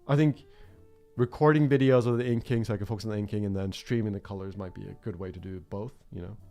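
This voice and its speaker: This young man from Norway sketches live for his viewers and muses aloud, rambling and often restarting or reaching for fillers. His voice sits on the low side and sounds a little mellow.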